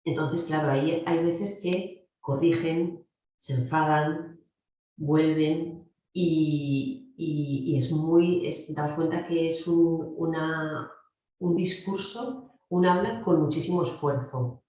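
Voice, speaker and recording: Spanish woman, middle-aged, speech therapy lecturer; mellow, explanatory delivery, heavy room echo. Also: deep voice, steady tone, slow. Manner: explanatory, addresses students directly. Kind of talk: recorded clinical lecture. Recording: very echoey, dull lo-fi room sound.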